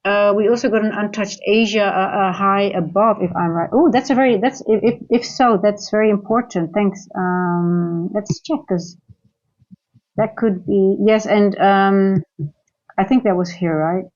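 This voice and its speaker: A woman's voice: medium pitch, steady tone, measured pace, a little mellow, dull audio. A woman who grew up in Singapore, hosting a live trading stream and thinking aloud as she goes, with many fillers and restarts. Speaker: trading livestream host. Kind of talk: live market commentary and viewer chat.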